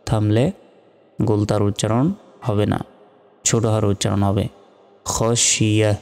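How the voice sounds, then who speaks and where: A man teaching Quran reading, spelling out each Arabic letter and vowel mark slowly and carefully. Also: lowish voice, little pitch movement, creaky, darkish tone. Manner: slow, measured letter-by-letter spelling. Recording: long hall reverb with faint music.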